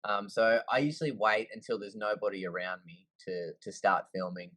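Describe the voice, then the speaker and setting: An Australian man being interviewed, telling stories in a relaxed, easygoing way with plenty of fillers. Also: lowish voice, normal speed, dry recording, poor audio. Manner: laid-back, easygoing, lots of fillers. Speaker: guest. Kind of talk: casual storytelling.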